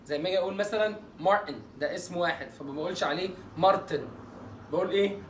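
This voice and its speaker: A man with an Egyptian Arabic accent teaching English pronunciation in an online lesson. He jokes playfully and draws out example words slowly. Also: high voice, reverberant, recorded from a distance, slight background noise.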